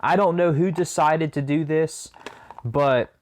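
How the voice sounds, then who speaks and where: A man's voice: a little high, unhurried. A man talking casually to camera as a food challenge vlogger while eating sour candy.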